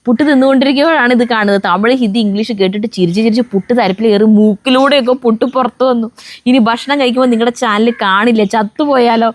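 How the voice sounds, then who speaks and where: A woman's voice: a little high, quick pace. A woman reading viewer comments aloud in a casual family vlog, laughing between them.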